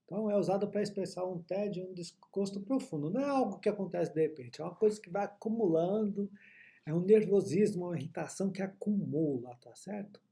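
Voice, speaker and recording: A man's voice: high voice, a little fast, vocal fry, dark tone. A man with a Brazilian accent teaching Japanese in an online lesson, explaining patiently and often checking that listeners follow. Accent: Brazilian Portuguese.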